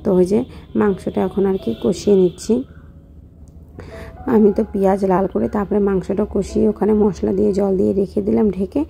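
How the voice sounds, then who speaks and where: A young woman softly narrating her daily home life as a vlog voice-over, her voice weak from just waking up. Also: mid-range voice, little pitch movement, creaky, slight background noise. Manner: speaks softly and slowly, just woken up. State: low on voice after waking. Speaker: vlogger.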